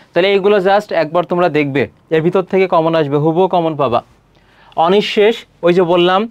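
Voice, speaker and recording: A young man teaching an exam-prep grammar lesson, explaining step by step, quizzing students and often pausing on "ah" and clearing his throat. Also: fairly high pitch, no room sound, dull audio. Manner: frequent hesitant "ah" fillers and throat clearing.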